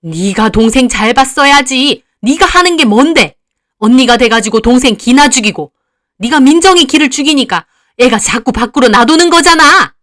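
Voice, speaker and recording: A woman's voice: medium pitch, normal speed, pushed and bright, dry recording, clean studio sound, close to an everyday voice. A woman voicing a cold, harsh middle-aged mother who scolds her daughter with contempt. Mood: scolding.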